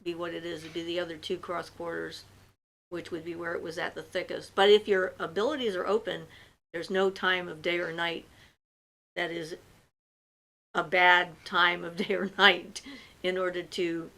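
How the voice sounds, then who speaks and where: A woman with a creaky, low-leaning voice, pushed and bright, chats casually on a livestream at a moderate pace with a level tone. She reads viewers' comments aloud and answers them at length, using plenty of fillers, on a rough recording.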